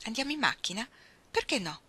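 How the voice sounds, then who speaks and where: A woman reading aloud, voicing a gentle, hesitant young woman who answers cautiously. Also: fairly high pitch, very animated, a little fast, husky, pitched above the performer's own voice, heavily acted. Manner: hesitant, mild questioning.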